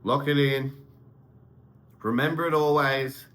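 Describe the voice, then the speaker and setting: A man's voice: medium pitch, steady tone, measured pace, fairly bright tone, poor audio. A young man giving an unscripted motivational monologue, swearing freely and turning heated and emphatic as he speaks. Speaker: motivational vlogger.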